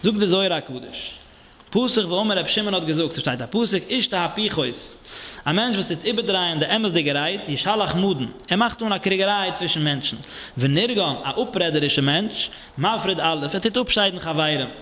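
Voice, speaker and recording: A man's voice: high-pitched, animated, a little fast, pushed and bright. A man, a rabbi teaching a Talmud class in a singsong study chant, on a dull, echoey recording. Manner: singsong study chant, mixing Hebrew and Aramaic terms. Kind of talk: Yiddish Talmud lecture.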